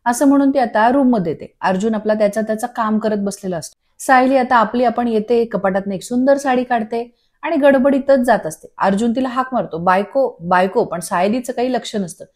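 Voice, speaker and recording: A woman narrating a TV serial episode recap in lively storytelling. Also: a little high, fairly quick. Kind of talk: scripted narration.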